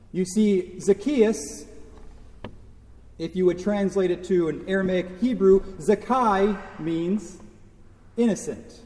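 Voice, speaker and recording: A man with a high, mellow voice delivers a sermon from the pulpit. He talks in a conversational way, tossing in rhetorical questions and wry asides. The sound rings through a church with a long, echoing reverb. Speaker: pastor.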